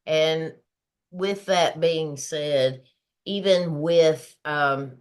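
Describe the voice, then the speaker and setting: A woman's voice: low-pitched, drawn-out words, smooth. A woman in her fifties hosting a motivational talk show, earnest and encouraging, often laughing as she talks. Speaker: podcast host.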